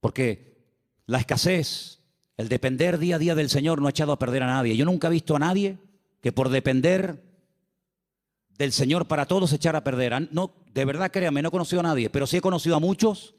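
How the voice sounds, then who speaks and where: A male pastor preaching a sermon from the pulpit, animated, full of rhetorical questions and asides to the congregation. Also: fairly high pitch, a little fast. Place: church sanctuary. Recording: long church-hall reverb.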